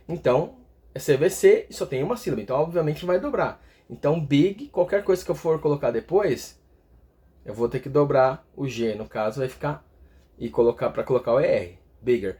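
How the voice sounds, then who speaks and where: Man explaining grammar, fairly high voice. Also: animated, moderate pace, darkish tone. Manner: explains step by step, ends phrases with a checking "tá?". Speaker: English teacher. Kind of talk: explaining grammar in a video lesson.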